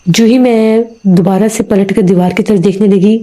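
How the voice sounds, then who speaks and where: A woman telling a true horror story in the first person, recounting it in a calm, conversational way. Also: medium pitch, rough recording.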